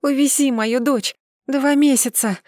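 A woman voicing a hoarse, wounded mother who desperately pleads for her daughter to be saved. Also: high-pitched, steady tone, measured pace, darkish tone, no room sound, studio quality, voice pushed up. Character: wounded young mother begging to save daughter.

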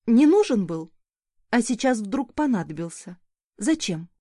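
A woman's voice: a little high, very animated, measured pace, dark tone, dry recording, clean studio sound. A woman reading an audiobook, voicing a young mother who answers sharply and defiantly in a raised voice. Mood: anguished, defiant.

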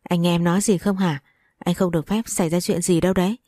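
A woman voicing a frantic young wife in a read-aloud story, pleading in quick, breathless bursts. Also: lowish voice, fairly even intonation, warm tone, no echo, close to an everyday voice. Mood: desperate pleading.

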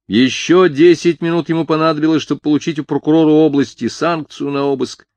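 A man reading an audiobook in scripted narration, in an even, measured way. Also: on the high side, no room sound.

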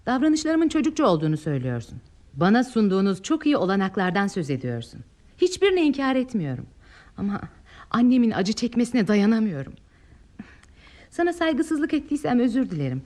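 An actress playing an anguished, defiant adult daughter in old radio theatre style, earnest and formally articulated. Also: female voice, on the high side, wildly swooping pitch, brisk, a little mellow. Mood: hurt, resigned. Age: late 30s.

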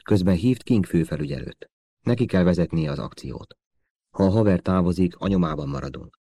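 A man's voice: deep voice, dark tone, no echo. A man reading the part of a male intelligence officer giving terse, commanding orders in an audiobook. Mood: urgent.

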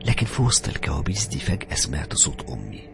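A man with an Egyptian accent narrating a first-person horror story, dramatic and hushed at tense moments. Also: very deep voice, very animated, fast talker, gravelly, over music. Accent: Egyptian Arabic.

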